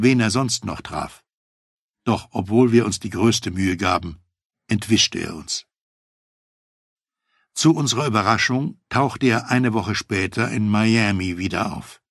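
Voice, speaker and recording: A man with a low, slightly husky voice reads a first-person memoir as an audiobook. He tells it in a measured, matter-of-fact way. The recording is dry and close, with no room sound. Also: fairly bright tone, no echo. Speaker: audiobook narrator.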